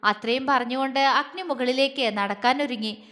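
A woman reads a romantic audio story aloud in a soft, steady storytelling manner. Her voice sits high for a woman. A long reverb rings after her words, as in a big hall. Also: moderate pace. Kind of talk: scripted romantic story narration.

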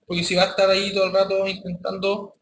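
A man teaching a coding class, his voice high and bright. He speaks casually and keeps checking that the students follow. The sound is echoey, with faint background noise. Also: monotone, quick pace. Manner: casual, addresses students directly with frequent checks. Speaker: programming teacher. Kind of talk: live classroom coding lesson.

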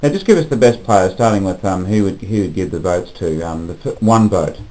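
A man prompting a co-host through a match review with brisk questions and scores. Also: deep voice, animated, dark tone, rough recording. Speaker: co-host interviewer. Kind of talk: casual post-match review.

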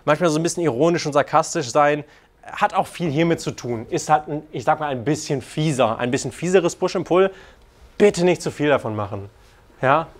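Casting: male dating coach, a touch high-pitched, blunt and playful. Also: fairly quick. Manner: animated, acts out quoted lines in put-on voices; frank, crude and joking. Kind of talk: casual coaching talk.

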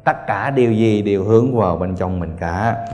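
A man's voice: lowish voice, normal speed. Man preaching in an echoing hall. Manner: storytelling, animated, laughing, repeated rhetorical questions. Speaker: spiritual teacher. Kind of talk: sermon to meditation students. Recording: long hall reverb, faint music.

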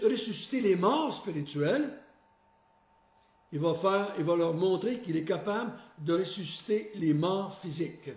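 High-voiced preaching man, echoey hall. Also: darkish tone. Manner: earnest preaching, reads scripture slowly, rises in pitch to stress points. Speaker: pastor. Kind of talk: sermon with Bible reading.

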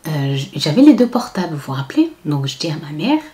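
This low-voiced woman vlogger talks fairly quickly through a casual storytime story. Animated throughout, she gives quoted people their own voices and drops to a whisper for asides.

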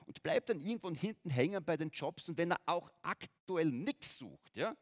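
A man's voice: fairly high pitch, expressive, normal speed. A middle-aged man giving an informal keynote talk to a conference audience, often checking in with them. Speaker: conference speaker. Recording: reverberant conference hall.

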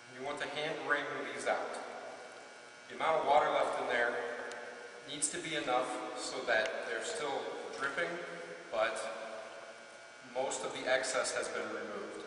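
A middle-aged man talks through a cleaning routine in plain step-by-step instructions. His voice sits at an ordinary middle pitch and booms around a big hall, picked up from well away from the camera. A steady hiss runs under everything. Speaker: cleaning product demonstrator. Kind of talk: instructional demonstration. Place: large indoor gymnasium. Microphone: camera mic from a distance. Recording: echoey gym from far off, hiss.

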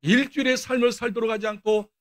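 An older male pastor preaching a sermon, telling personal stories and acting out quoted dialogue with sudden loud bursts. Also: very high-pitched, fairly even intonation, quick pace.

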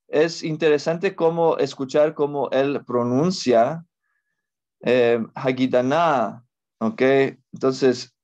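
A man's voice: mid-range voice, darkish tone, muffled recording. A male teacher giving a language lesson, explaining patiently and checking in with his students often.

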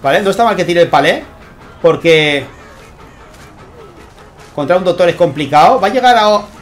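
Hosting his own channel, a man with a Spain Spanish accent commentates a tournament match, excitably and constantly checking in with viewers. His voice sits high and he speaks at normal speed.

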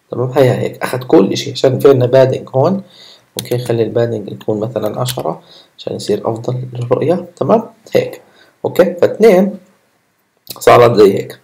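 A man walks viewers through a coding lesson in a relaxed, chatty way. His voice is gravelly and mellow. Keyboard typing sounds in the background. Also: mid-range voice. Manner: chatty, talks to viewers while typing code. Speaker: programming instructor. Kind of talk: casual screen-recorded coding tutorial.

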